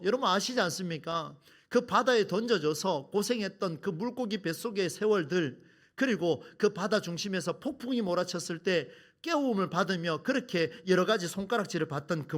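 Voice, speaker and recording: Lively high-voiced male pastor preaching. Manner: dramatic, acts out quoted complaints; rhetorical questions to the congregation. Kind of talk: sermon.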